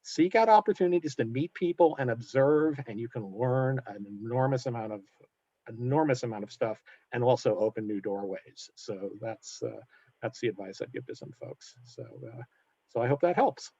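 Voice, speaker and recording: A man's voice: mid-range voice, normal speed, warm tone, husky, dry recording. Man on a panel, casual and rambling, muffled dry call audio. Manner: rambling, filler-heavy advice. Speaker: lighting designer. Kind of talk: panel talk giving career advice.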